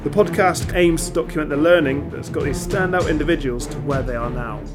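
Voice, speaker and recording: A man's voice: fairly high pitch, fairly quick. Eager male podcast host, faint music. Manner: eager, with many repeated words and fillers. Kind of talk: podcast interview.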